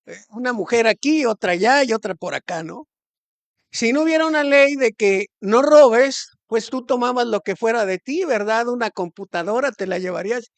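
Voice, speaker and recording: A man's voice: extremely high pitch, animated, normal speed. A man preaching a sermon as pastor in a church hall, talking conversationally with rhetorical questions and hesitant restarts.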